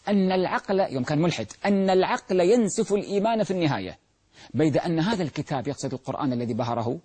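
A man's voice: fairly high pitch, darkish tone, husky. A man giving a televised religious talk, emphatic, asking rhetorical questions and answering them himself. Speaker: religious lecturer.

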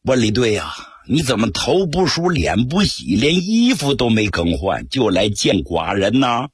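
A man playing a stern, husky ancient ruler. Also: medium pitch, wildly swooping pitch, unhurried, no room sound, studio quality, pitched below the performer's own voice, full character voice. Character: stern ancient male ruler questioning a subject.

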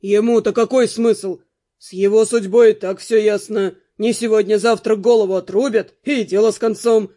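A woman's voice: mid-range voice, fairly even intonation, normal speed, warm tone, voice pushed down, lightly acted. A woman reading an audiobook, voicing a grumbling male prison guard who heckles with mock indignation.

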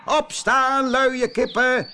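Herman Haan, a man doing a shrill bossy rooster. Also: unhurried, pushed and bright, a little hiss or hum, heavily acted. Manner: shrill barking commands. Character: bossy strutting rooster, shouting cockily. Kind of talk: storybook reading.

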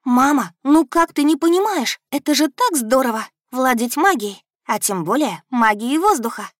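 A woman voices a spirited young noblewoman who argues with eager indignation. Her voice sits high and is recorded dry and close. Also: moderate pace, fairly bright tone, dry recording. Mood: indignant.

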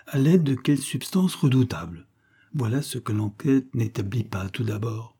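A man narrating a short story in a measured, theatrical audiobook reading. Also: medium pitch, lively intonation, warm tone, breathy edge.

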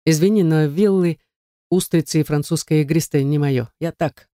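A man reading an audiobook, voicing a jealous, rough-spoken young man who growls his lines. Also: fairly high pitch, normal speed, mellow, no room sound, clean studio sound, close to an everyday voice. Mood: wry. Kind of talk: audiobook character voice.

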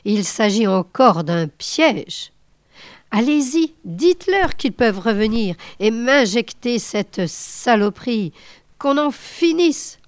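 A woman reading aloud voices a captive male agent, indignant and defiant, shouting his refusals. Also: on the high side, sing-song, takes it slowly, no room sound. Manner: shouting, outraged.

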